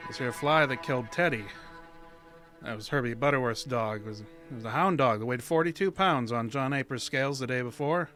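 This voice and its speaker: A folksy small-town fellow telling a strange tale, as a man acts him, with a bright, forward voice. The drawl is plain and country. Faint music plays behind this vintage radio recording. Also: mid-range voice, fairly quick, natural voice. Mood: narrating. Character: small-town young man Buck, narrator, jokey then uneasy. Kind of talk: old-time radio drama acting.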